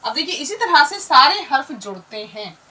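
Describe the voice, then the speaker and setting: A woman's voice: high-pitched, sing-song, moderate pace, bright, forceful tone, recorded from a distance, rough recording. A woman teaching an Urdu lesson, patiently spelling out syllables one at a time and having listeners repeat after her. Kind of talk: slow classroom lesson, spelling out sounds.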